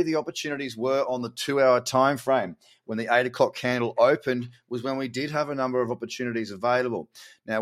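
A man, casually running through a market update, chatty and encouraging, and often correcting himself mid-sentence. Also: medium pitch. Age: 30s. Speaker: crypto market vlogger.

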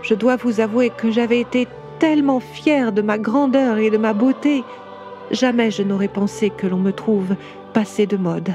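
A woman voicing an ancient, proud and gentle female cathedral that tells its own story in a tender, confiding way, for a storybook audio drama. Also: a little high, moderate pace, faint music behind, lightly acted. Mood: wistful.

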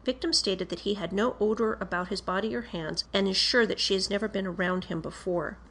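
Reading a written police report aloud, a woman speaks with a medium pitch and a fairly bright, slightly rough tone. She sounds formal and procedural, holding a steady, matter-of-fact manner throughout.

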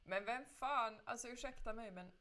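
A woman's voice: a little high, sharp tone. A woman co-hosting a podcast in casual chat, reflecting on why people act as they do. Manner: reflective, muses on motives, many short back-channel replies. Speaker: podcast co-host.

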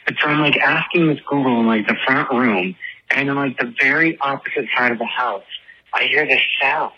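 On a phone-like recording with a little hiss or hum, a medium-pitched man speaks at normal speed. He's a listener calling in to leave a show a casual voice message, spinning a story in a chatty, dramatic, self-mocking, nonstop way.

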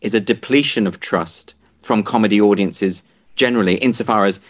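A man's voice: on the low side, brisk. A man interviewing a guest, asking probing questions thoughtfully with stammered restarts. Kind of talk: conversational interview.

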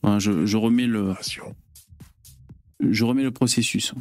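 A man's voice: fairly low pitch, steady tone, unhurried, a little mellow, no echo, soft background music. A man hosting a casual live stream, chatting with viewers in a loose, hesitant way with lots of fillers and curse words. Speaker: host.

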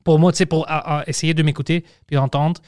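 A man born in Quebec hosts a podcast in a relaxed, casual chat and swears offhandedly. His voice sits a little higher than most men's. The recording is dry and close. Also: brisk, clear, resonant tone, dry recording. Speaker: podcast host. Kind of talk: casual conversation.

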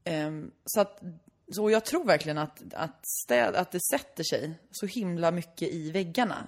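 Animated young woman telling stories. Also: fairly low pitch. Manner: animated storyteller, acts out quotes loudly. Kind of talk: casual chat.

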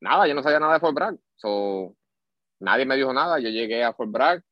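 A man's voice: mid-range voice, brisk, dry recording, lo-fi sound. A young Puerto Rican man, an army sergeant, telling stories in a casual interview with a Puerto Rican Spanish accent. He acts out the voices of the people in his stories and drops English phrases into his talk. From Puerto Rico. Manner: animated storyteller, mixes English phrases, acts out quoted voices. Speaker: guest, army supply sergeant.

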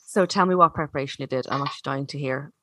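A woman's voice: a bass voice, racing, fairly bright tone. A woman interviewer asking questions in a casual, conversational way.

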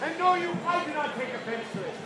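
A man playing a blustering kilted Scottish Highlander in a stage show, declaiming in mock-archaic renaissance fair speech with dramatic pauses. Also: lively intonation. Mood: proud, comic. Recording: distant, noisy outdoor fair crowd, echoey.

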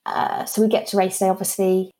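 A woman's voice: medium pitch, little pitch movement, a little fast, warm tone. A woman in her thirties, a guest talking candidly and chattily about running her own PR business, often restarting her sentences. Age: 30s. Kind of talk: casual interview conversation.

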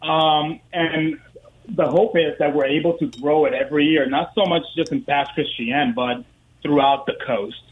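A man's voice: fairly high pitch, steady tone, moderate pace, a little hiss or hum. A man in his thirties from the Dominican Republic, a guest on a radio show calling in, talking with many fillers and restarts. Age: 30s. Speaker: guest, parade co-founder. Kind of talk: phone interview. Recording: tinny phone line.

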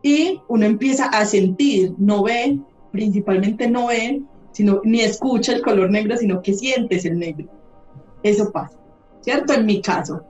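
A woman's voice: medium pitch, unhurried, darkish tone. Frank woman telling stories. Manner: candid storyteller who swears casually. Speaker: holistic therapist guest. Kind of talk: casual podcast conversation. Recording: roomy, slightly dull sound, faint music.

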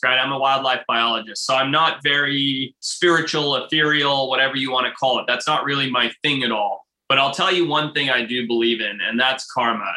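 A man from Zimbabwe, a wildlife biologist, telling stories in an interview with animated energy and frequent laughs. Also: medium pitch, roomy sound, low-quality recording. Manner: animated storytelling, laughs often. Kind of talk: interview conversation.

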